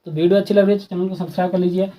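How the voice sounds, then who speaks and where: Speaking in a Hindi accent, this man has a high, mellow voice with a steady tone and a rapid-fire delivery, though the audio is poor. He explains a school textbook maths exercise in a relaxed way, repeating steps and quizzing his students.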